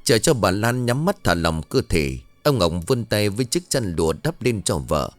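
A man's voice: fairly low pitch, sing-song, normal speed, no room sound. A man narrating a horror ghost story in a dramatic, suspenseful way. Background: faint music.

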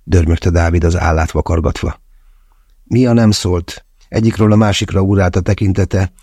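A man's voice: deep voice, fairly even intonation, warm tone, dry recording, clean studio sound. A man narrating a novel in the first person as an audiobook, in a wry storytelling manner.

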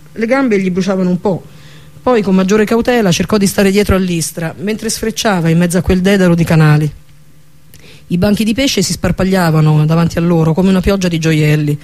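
A man narrating a fantasy audiobook with a steady, even reading manner. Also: high-pitched. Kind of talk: scripted narration of a fantasy novel.

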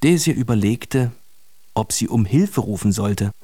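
A man narrating a children's radio story in a calm, scripted storytelling manner. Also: lowish voice, a little slow, very noisy.

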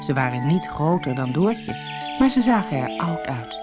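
A woman from the Netherlands narrating a children's audiobook, expressive and rising and falling. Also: low-pitched, moderate pace, over music. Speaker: audiobook reader. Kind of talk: storybook narration.

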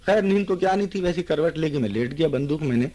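An older man, an interview guest, telling lively anecdotes and acting out the dialogue. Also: on the high side. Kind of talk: anecdotal storytelling. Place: radio studio.

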